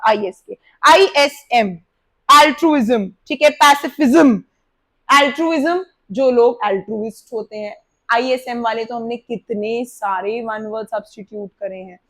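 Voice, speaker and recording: Lady teacher going over english words, high voice, lively. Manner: lively, addresses students as kids, checks if they follow. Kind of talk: vocabulary lesson to students.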